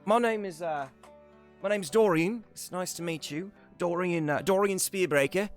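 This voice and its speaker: A man's voice: sits high, moderate pace, faint music behind, voice pushed up, lightly acted. A man voicing a young male dwarf in shiny armor, eager and thankful. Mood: grateful.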